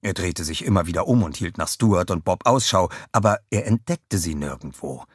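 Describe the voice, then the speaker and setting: Low, husky male narrator with a lively delivery, dry close recording, scripted audiobook reading. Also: moderate pace, no room sound.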